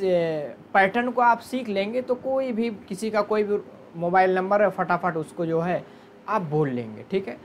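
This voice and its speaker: A woman's voice: medium pitch, slight background noise. A woman teaching an online Arabic grammar class, explaining step by step and asking and answering her own questions.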